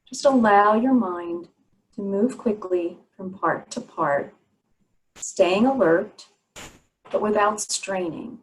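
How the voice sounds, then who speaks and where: Poor audio captures a woman teaching guided yoga nidra meditation in a medium-pitched voice. She speaks soothingly and without hurry, leaving pauses between phrases.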